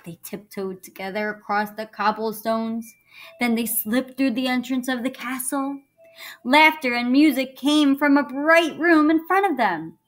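Woman reading a children's book slowly. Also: sits high. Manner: expressive, pauses to explain to listeners.

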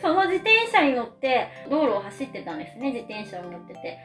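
High, lively young woman in casual chat. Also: a little fast. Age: young adult. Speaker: host leading the discussion. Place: small furnished room indoors, on a sofa. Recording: roomy echo, faint music behind.

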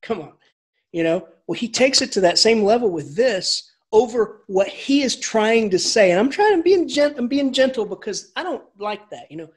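Animated, digressive male English professor. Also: high voice, moderate pace, few pauses. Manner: animated and digressive, with frequent restarts and asides. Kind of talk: informal literature lecture.

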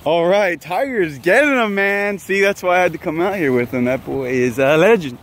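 Young guy vlogging while fishing by a pond, laughs a lot, slightly high voice. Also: expressive, moderate pace, a little hiss or hum. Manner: laughs often, shouts when fish bite. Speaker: fishing channel host. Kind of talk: excited outdoor vlog chat. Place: outdoors by a pond.

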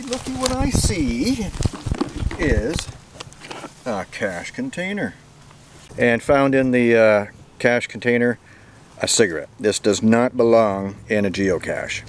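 A Canadian man in his forties with a medium-pitched voice gives upbeat, chatty commentary for a casual geocaching vlog, laughing often. He films on a handheld camera at arm's length while out on a bridge and wooded trails in summer, with slight background noise.

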